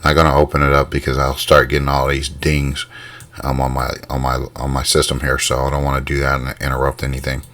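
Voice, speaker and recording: A man with an extremely deep, low voice that stays flat and even. He talks through charts on his screen in a halting, casual way, filling his pauses with ums and uhs. The sound is dry and close, with no room echo. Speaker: crypto channel host. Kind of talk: casual screen-share walkthrough.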